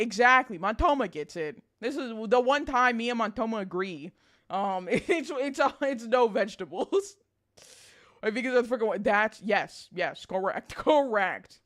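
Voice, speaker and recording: High-pitched, animated woman livestreamer, bubbly and girlish. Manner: blunt, sweary, playfully emphatic. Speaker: livestream host, virtual streamer. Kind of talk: casual livestream chat, reading and answering viewers.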